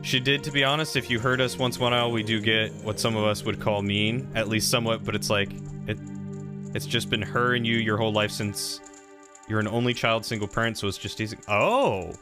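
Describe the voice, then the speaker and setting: A man's voice: fairly low pitch, a little fast. A young man casually chatting with viewers and reading their messages while streaming a video game. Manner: relaxed, chatty, reading chat aloud. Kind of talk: casual let's-play chat. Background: game music.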